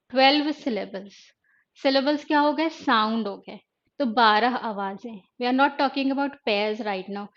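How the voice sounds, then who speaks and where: A woman teacher with a fairly high voice talks through an exam-prep class at a slow, unhurried pace. She poses questions to her students and answers them herself, moving between Hindi and English. The sound is dull and lo-fi, like a recorded online class. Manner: reads poetry slowly and deliberately.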